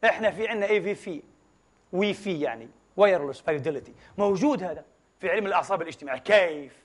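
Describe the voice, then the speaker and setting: Animated, fast-talking preacher. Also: male voice, sits high. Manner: animated, many rhetorical questions to the congregation; mixes formal Arabic with colloquial dialect and foreign words. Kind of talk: Friday sermon.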